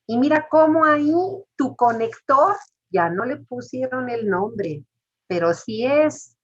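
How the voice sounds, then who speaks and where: A woman's voice: a little high, expressive, slow pace, breathy edge. A woman, teaching a class step by step and putting questions to the students. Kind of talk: lecture. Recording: muffled lo-fi recording.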